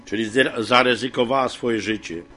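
A man teaching from the Bible in a homely, rambling way, with many fillers and frequent throat clearing. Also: mid-range voice, moderate pace, bright, forceful tone, faint music behind. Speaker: preacher.

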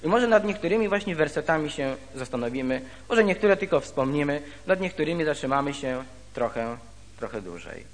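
A man preaching a sermon. He reads scripture aloud and then explains it slowly, with pauses. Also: a little high, sing-song. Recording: reverberant hall.

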